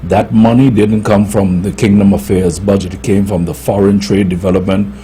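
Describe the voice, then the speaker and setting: A man's voice: fairly low pitch, level tone, normal speed, mellow. A man hosting a talk show, laying out news items and discussing them. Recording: clearly noisy background.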